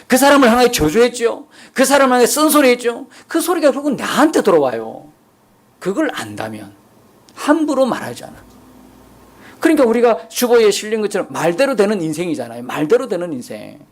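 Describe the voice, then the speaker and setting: A man's voice: sits high, big pitch swings, fairly quick. A pastor delivers a Sunday sermon from the pulpit. His voice rises and falls across a wide range. He keeps pressing the congregation with pointed rhetorical questions. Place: church sanctuary.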